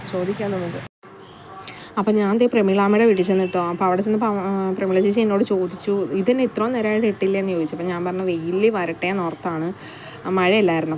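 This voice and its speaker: A young woman rambles along quickly in a chatty home vlog, her voice slightly rough from an allergy. She is recorded outside in a yard, with loud ambient noise, insects and animals all around. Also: medium pitch, low-quality recording. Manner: chatty, rambling, often trails off. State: voice changed by allergy, sneezy. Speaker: vlogger. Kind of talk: casual vlog narration.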